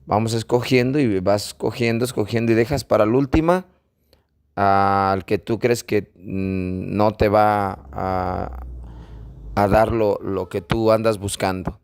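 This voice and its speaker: Man, informal religious teaching, lowish voice, emphatic repetition. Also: a little slow, darkish tone, clean tone, dry recording, clean studio sound. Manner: emphatic, repeats phrases for stress.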